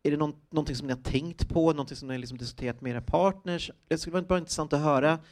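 A man moderating a public post-show talk, asking questions haltingly and searching for words. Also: on the high side. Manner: hesitant, many fillers, searching for words.

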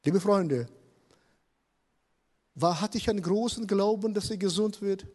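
A man's voice: sits high, unhurried, a little mellow. A man preaching a sermon in a church hall, emphatic and repeating his key words. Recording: long reverb of a large hall.

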